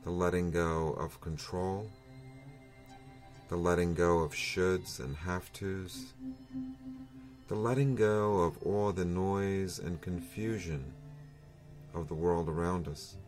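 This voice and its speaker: A man with a very low voice guides a breathing meditation. He speaks very slowly and soothingly, leaving long, unhurried pauses between short phrases. Faint music plays behind his voice. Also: darkish tone. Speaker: meditation teacher.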